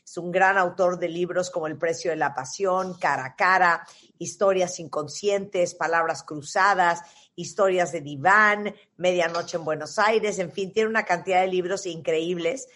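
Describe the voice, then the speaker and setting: A woman's voice: on the low side, steady tone, moderate pace, a bit bright. A woman hosting a casual talk show and introducing her guest. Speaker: host. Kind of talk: casual chat.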